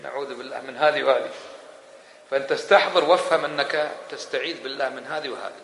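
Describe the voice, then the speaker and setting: A man teaching a religious lesson in a lively, colloquial way, firing rhetorical questions at his listeners. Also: medium pitch. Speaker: Islamic scholar teaching a book. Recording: echoey room, faint background hiss.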